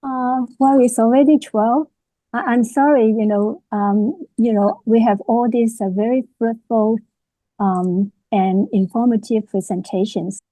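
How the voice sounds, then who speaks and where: A woman's voice: a little high, steady tone, measured pace, mellow, no echo, low-quality recording. A woman moderating a webinar on a video call, closing with thanks and frequent "you know" fillers.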